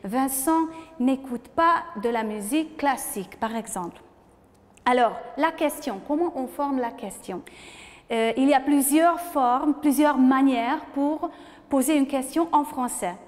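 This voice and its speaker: A female teacher gives a slow, careful lesson, spelling endings out letter by letter and pausing often between words. Her voice sits fairly high, and a long reverb hangs around it. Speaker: French teacher. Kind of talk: slow, patient language lesson. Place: room with a board.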